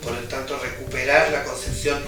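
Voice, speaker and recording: Man, reflective, pauses with "eh", echoey room, music behind. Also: mid-range voice, flat delivery. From Chile. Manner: reflective, with frequent hesitant "eh" pauses. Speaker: research coordinator. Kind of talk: interview. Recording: roomy, distant mic with background music.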